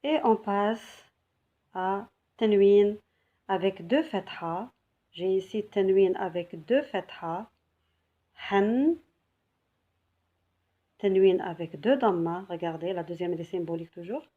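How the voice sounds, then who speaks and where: Woman, teacher, beginner lesson. Slow, patient, repeats words clearly. Slightly muffled recording. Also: mid-range voice. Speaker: Arabic teacher.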